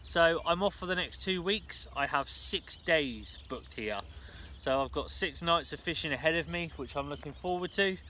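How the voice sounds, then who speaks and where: A man's voice: on the high side, normal speed, pushed and bright. A man talking casually to camera in a laid-back, slangy way, as a fishing vlogger. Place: outdoors at a fishing lake. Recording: outdoor ambience and background noise.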